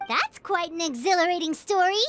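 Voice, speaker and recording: A woman voicing a tiny, chirpy female floating companion creature in a game, quick to exclaim. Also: very high-pitched, lively intonation, fairly bright tone, faint music behind. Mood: impressed.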